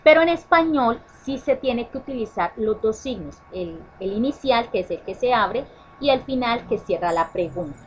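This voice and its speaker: A woman's voice: a little high, lively intonation, moderate pace, a little hiss or hum, poor audio. A woman teacher explaining a grammar lesson to children, often checking in with "¿sí?" and correcting herself as she goes. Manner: self-correcting restarts. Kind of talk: online class explanation.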